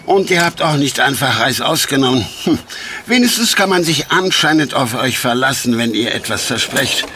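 An actor playing a strict, bossy man who guards his garden, with a gruff kindness underneath, in a children's audio drama. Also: medium pitch, lively intonation, normal speed, sharp tone, a little hiss or hum. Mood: stern. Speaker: stern garden owner neighbor.

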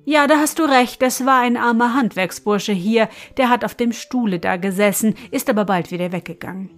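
Woman putting on a bright, eager countess. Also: moderate pace, soft background music, natural voice. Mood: earnest. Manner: higher, eager, pleading. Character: clever, kind griffin's wife, countess.

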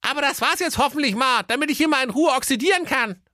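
Squeaky talking dud bomb, cheeky slang, grumbling, high and bright, comic audio fairy tale, dry sound. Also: male voice, animated, fast talker, dry recording, full character voice. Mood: grumpy.

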